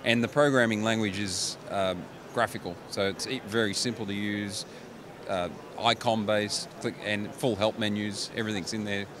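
At a trade show booth, a middle-aged managing director with a fairly low voice explains his company's products into a handheld mic. He restarts his phrases often and agrees quickly, while the steady noise of a busy exhibition hall fills the background.

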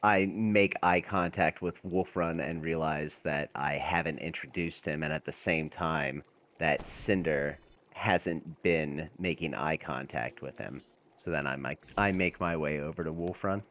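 A man narrating his character's actions in a tabletop game, long-winded and deliberate. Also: extremely low pitch, steady tone, fairly bright tone, a little hiss or hum. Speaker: player.

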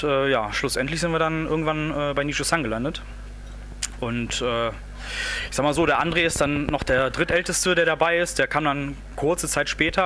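Bright-voiced man in his thirties. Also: on the high side. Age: 30s. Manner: rambling, relaxed storytelling. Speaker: band singer. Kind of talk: casual interview chat. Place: backstage room of a music club. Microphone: handheld interview mic.

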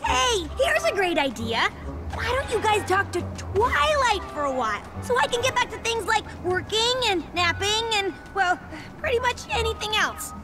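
A woman's voice: very high-pitched, very animated, normal speed. A woman voicing exasperated, dramatic female cartoon ponies in a theatrical, emphatic manner. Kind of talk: animated cartoon acting. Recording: cartoon soundtrack with loud music behind.

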